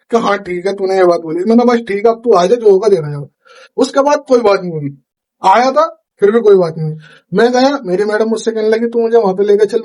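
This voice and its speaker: A man's voice: high voice, darkish tone. A young man chatting casually in a vlog, retelling a night's events with lots of quoted dialogue, from India. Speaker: vlogger. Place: home kitchen at night.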